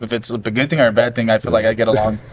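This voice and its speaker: A man chatting casually as a podcast guest, curious and quick to ask questions. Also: on the low side, level tone, big-room sound, crowd noise. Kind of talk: casual chat.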